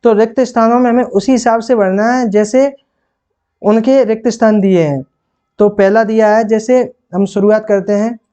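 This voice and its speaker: A man teaching for a Hindi exam. He asks questions and answers them himself, and repeats and rereads phrases slowly. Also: sits high, dark tone. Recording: dull lo-fi sound.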